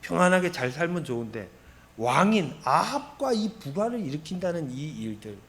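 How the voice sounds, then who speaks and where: A man's voice: on the high side, moderate pace. A male pastor preaching a sermon, retelling scripture with rhetorical questions. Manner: expressive storytelling with rhetorical questions.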